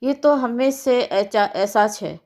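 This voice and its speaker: A woman's voice: on the high side, slow, a little mellow. A woman voicing a grumbling middle-aged female nanny who speaks broken, ungrammatical Hindi and complains constantly. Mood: fussing grumble. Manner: complaining, fussing.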